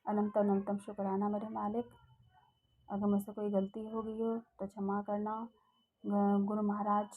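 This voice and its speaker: A woman's voice: medium pitch, monotone, measured pace, breathy edge, narrow, tinny audio. A middle-aged woman sharing a personal devotional testimony, rambling and heartfelt, with many hesitations and restarts.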